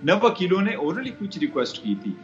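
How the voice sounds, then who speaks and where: A man's voice: high-pitched, sing-song, reverberant, lo-fi sound, faint music behind. A male lawyer arguing as a guest on a live TV debate, insistent and repeating phrases as he makes his point.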